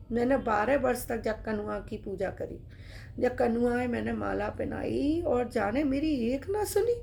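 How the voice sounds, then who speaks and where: A woman voicing an elderly male devotee, complaining loudly in a hurt, stubborn way. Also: fairly high pitch, gravelly, slight background noise. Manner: loud, aggrieved, complaining.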